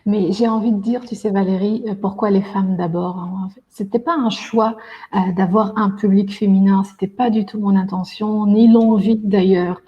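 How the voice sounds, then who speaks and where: A Belgian woman who organizes events is a guest on a podcast interview, talking at length with frequent hesitations and fillers. Her medium-pitched voice has fairly even intonation and a moderate pace, and the sound is lo-fi.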